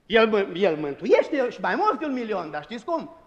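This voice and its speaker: A man's voice: sits high, big pitch swings, big-room sound, lo-fi sound. A man preaching a sermon as pastor, with emphatic delivery and dramatized quoted lines.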